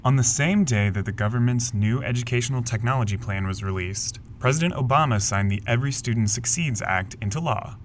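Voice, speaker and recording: A man co-hosting a news podcast, reading scripted headlines in a brisk, lightly wry way. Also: medium pitch, slight background noise. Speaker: podcast co-host.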